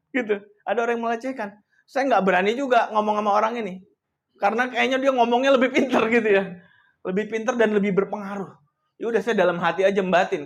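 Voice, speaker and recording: High-voiced man giving a motivational speech. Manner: addresses listeners directly and often; swings between hushed, soft passages and loud emphatic outbursts. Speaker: motivational coach.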